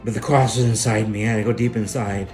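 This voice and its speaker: A man's voice: fairly low pitch, steady tone, fast talker, darkish tone, soft background music. A middle-aged man telling a personal spiritual testimony in an earnest, emphatic, preacher-like way. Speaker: spiritual speaker sharing a testimony.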